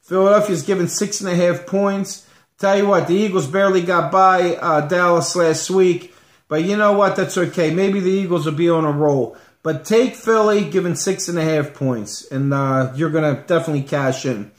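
A middle-aged man hosting a homemade sports picks show in a casual, informal chatting style, with pauses between phrases. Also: high-pitched. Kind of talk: casual comedic show chat. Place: living room at home. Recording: roomy home webcam sound.

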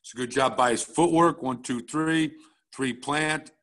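A man's voice: mid-range voice, measured pace, a bit bright. A middle-aged man, a football coach, walking through game film at a coaching clinic in a blunt, casual way, checking in often with "all right?".

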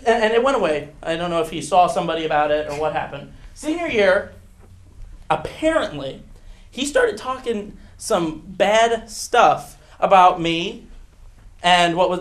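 High-voiced man rambling through a story. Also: sing-song, unhurried, fairly bright tone. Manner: rambling, self-mocking storytelling. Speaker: improv performer. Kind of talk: comic true-story monologue.

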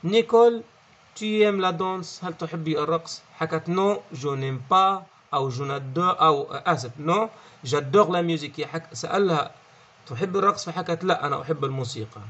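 Male teacher with a Levantine Arabic accent, slightly high voice, patient explainer, dull muffled recording. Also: moderate pace, a bit bright. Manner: explanatory, checks in with "okay?" often, repeats key words. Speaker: French teacher. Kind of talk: online language lesson.

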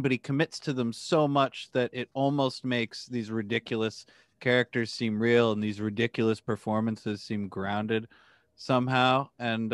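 A man's voice: medium pitch, no room sound. Dry-sounding man retelling a movie. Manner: storytelling, animated retelling. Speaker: podcast co-host. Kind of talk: casual chat.

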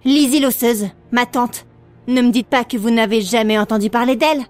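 A woman's voice: a little high, moderate pace, soft background music, close to an everyday voice. A woman voicing a mysterious teenage girl who speaks in a cool, commanding and teasing way. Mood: warning.

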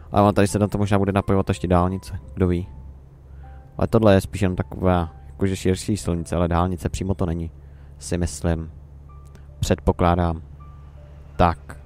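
A man's voice: deep voice, darkish tone. A young Czech man rambling and musing to himself in casual gameplay commentary. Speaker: let's play commentator.

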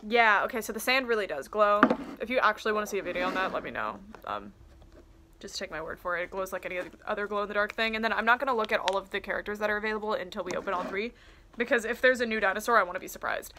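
A young woman in her twenties chatting casually through a toy unboxing in a small room, excitable and full of "um" and "like", filmed by a camera on her desk. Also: medium pitch, very fast, background noise. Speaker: toy collector vlogger. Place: small indoor room lined with doll shelves. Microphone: camera on desk at close range. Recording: loud crinkling of plastic packaging. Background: crinkling packaging and clicks.

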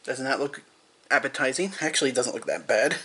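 A man's voice: mid-range voice, brisk, bright, forceful tone, breathy edge. A young man casually rambling in a food-tasting vlog, repeating himself and talking with his mouth full. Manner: rambling, repetitive, eats and talks with mouth full. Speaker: vlogger.

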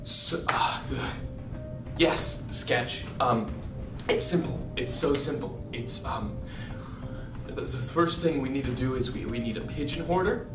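A man's voice: mid-range voice, unhurried, close to an everyday voice. A man playing a nervous comedy writer, stammering and rambling through his idea. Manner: stammering, rambling, grows frantic. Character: desperate young man pitching a sketch. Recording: distant echoey mic with music.

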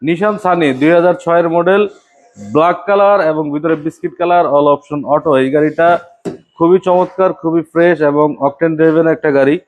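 Man, Bangladeshi accent, slick used car salesman, raised pitch, rapid delivery, repetitive sales patter. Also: fairly even intonation, darkish tone, highs cut off. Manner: slick salesman patter, repeating selling points and prices.

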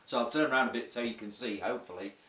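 A man gives a casual saxophone lesson, explaining step by step in a chatty, self-deprecating way while he has the hiccups. His mid-range, slightly bright voice goes very fast. He's in a room with a board, heard from a distance with roomy echo.

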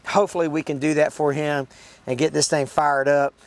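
Excitable folksy man outdoors. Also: on the high side, a little fast, dry recording. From Florida. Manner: excited, folksy, laughs often. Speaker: host. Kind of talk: casual outdoor video chat. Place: outdoors in woods.

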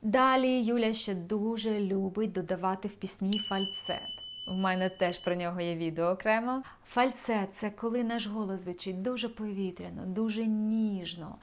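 Young woman vocal coach, eager lesson delivery, mid pitch, lively and friendly. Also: normal speed, a little hiss or hum. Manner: lively, enthusiastic explaining. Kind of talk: video lesson on singing technique.

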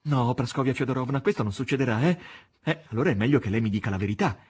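A man's voice: quick pace, a little hiss or hum, close to an everyday voice. A man reading an audiobook, voicing an earnest, agitated young male poet in a raised, pleading voice. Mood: coaxing. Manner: excited, pleading, rising to high pitch.

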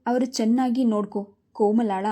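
A woman's voice: on the high side, steady tone, normal speed, dark tone, lightly acted. A woman voicing a stern middle-aged husband who scolds and questions his wife in a told story.

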